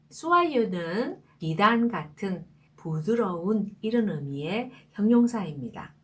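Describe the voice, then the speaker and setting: Slow, careful woman teaching French pronunciation. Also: medium pitch, a bit bright. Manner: slow, careful, repeats words for practice. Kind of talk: pronunciation lesson.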